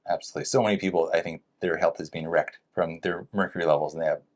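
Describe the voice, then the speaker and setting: A man's voice: sits low, steady tone, fast talker. A man hosting an interview, asking questions in a conversational way. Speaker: podcast host.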